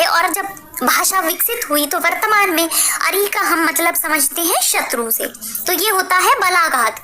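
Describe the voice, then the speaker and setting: High-voiced woman teaching a patient lesson. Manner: measured, patient lecturing with repeated phrases. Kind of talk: explanatory spoken lesson. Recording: clear background noise with clicks.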